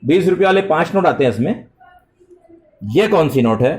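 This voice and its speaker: A man's voice: fairly high pitch, animated, moderate pace, a little mellow. A middle-aged man teaching math to a full classroom of children, speaking politely and praising them. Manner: addresses students with polite forms and praise.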